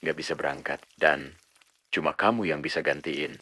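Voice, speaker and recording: A man voicing a firm, insistent boss calling an employee in an animated drama. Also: very deep voice, normal speed, no echo, heavily acted. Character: firm middle-aged male boss on the phone.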